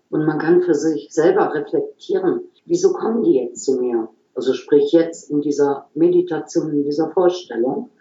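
A woman talking calmly and reflectively as an interview guest, explaining her work at an unhurried, thoughtful pace. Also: deep voice, reverberant, highs cut off. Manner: calm, explanatory, frequent "so" pauses. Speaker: guest, regression therapist.

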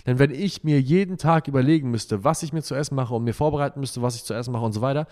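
A man's voice: mid-range voice, fast talker, a little mellow. A young man in a brash, profane monologue, mocking and emphatic as he rants. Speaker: money and lifestyle talker. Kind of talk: provocative monologue.

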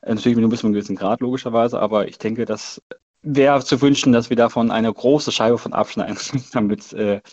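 Male podcast guest, casual and hesitant, mid-pitched, slightly muffled lo-fi sound. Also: fairly even intonation, fairly quick, darkish tone. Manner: hesitant, filler-heavy, thinking aloud. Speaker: football fan as podcast guest. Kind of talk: casual chat.

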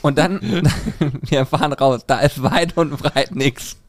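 A man's voice: a little high, slow pace, no echo. A man co-hosting a podcast, telling a story in a casual chat, laughing often and acting out the quotes. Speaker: podcast co-host.

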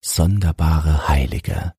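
A man voicing a poor, gruff father who grumbles in a storybook reading. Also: very deep voice, slow, warm tone, dry recording, studio quality, exaggerated voice.

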